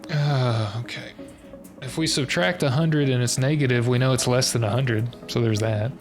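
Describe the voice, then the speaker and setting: Over music, a young streamer talks himself through a puzzle game at a medium pitch and moderate pace. A stuffy nose makes him slightly nasal, and he mutters hesitantly while reasoning out each step.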